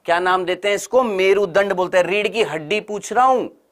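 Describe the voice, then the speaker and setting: A male teacher gives an online exam-prep lecture. He repeats each question and answer in call-and-response drills and talks in a brisk, teasing way, pushing students to answer fast. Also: high-pitched, a bit bright.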